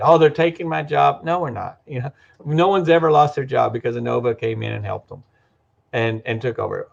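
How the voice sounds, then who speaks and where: A man with a gravelly, mid-range voice is a guest in a casual interview, explaining his practice management business. He talks loosely, with frequent restarts and lots of "you know." The recording is dull and lo-fi.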